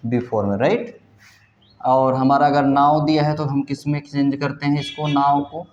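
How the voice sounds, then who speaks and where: A man's voice: medium pitch, steady tone, moderate pace, darkish tone, slight background noise. A man teaching English grammar in a classroom lecture, drilling students with repeated questions. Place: classroom with a board. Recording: roomy, dull classroom recording.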